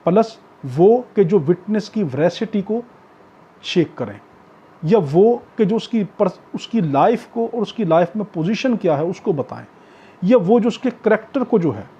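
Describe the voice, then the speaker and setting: This law lecturer, a Pakistani man with a high, husky, warm voice, reads out legal provisions and then paraphrases them, repeating and rephrasing points in a didactic way. The lo-fi recording sounds dull and muffled.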